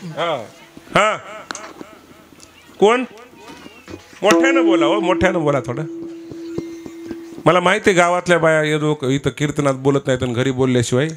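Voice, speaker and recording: A man with a Marathwada accent delivers a devotional kirtan sermon at a live event, instruments playing behind him. His voice is slightly high, at a moderate pace with many pauses, as he questions and teases listeners and prods the women to answer out loud.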